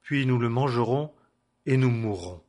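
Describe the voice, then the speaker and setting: A man's voice: mid-range voice, measured pace, darkish tone, lightly acted. A man voicing a destitute, grieving widow in a scripture reading, in a despairing manner.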